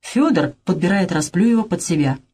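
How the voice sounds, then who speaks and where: A woman narrating the stage directions of a play aloud. Her voice is dark and husky. She delivers the directions plainly and evenly. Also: lowish voice, animated, normal speed.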